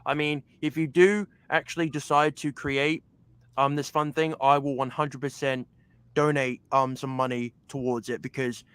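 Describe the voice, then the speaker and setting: A man's voice: medium pitch, level tone, normal speed, a bit bright, clear, resonant tone, dry recording. A man hosting an interview, talking eagerly and casually with many fillers like a devoted fan. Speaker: host.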